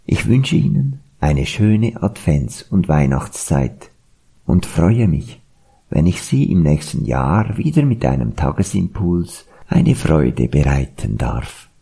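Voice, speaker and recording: A man hosts a devotional spot and reads a story in a low, husky, gravelly voice. He speaks slowly, and his pitch swings widely as he tells it. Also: sing-song, warm tone. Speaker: devotional radio host.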